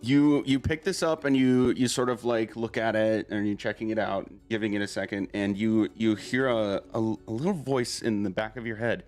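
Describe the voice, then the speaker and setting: Male game master, lower voice, halting improvised narration in short phrases, soft music underneath. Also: fairly even intonation. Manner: halting, pieces scenes together in short phrases.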